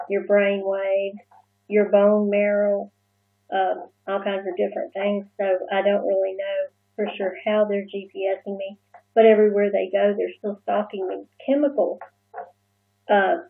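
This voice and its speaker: A woman telling a personal story in a casual vlog, halting and full of fillers and restarts. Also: mid-range voice, creaky. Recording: muffled phone-like lo-fi sound.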